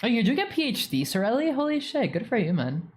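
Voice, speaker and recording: A young streamer with a New England accent reads chat and talks casually with his live viewers in a very high, sing-song voice at a quick pace. He rambles, packing his speech with fillers and saying "like" constantly.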